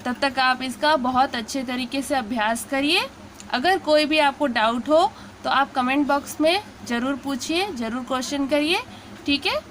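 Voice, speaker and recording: A woman teaching Hindi pronunciation, talking her students patiently through drawn-out syllable drills. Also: sits high, fairly bright tone, slight background noise. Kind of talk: slow spoken lesson.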